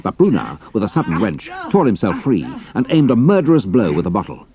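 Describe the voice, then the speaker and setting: A man's voice: on the low side, huge pitch swings, fairly quick, a crowd in the background. A man narrating an adventure story in a scripted, dramatic style.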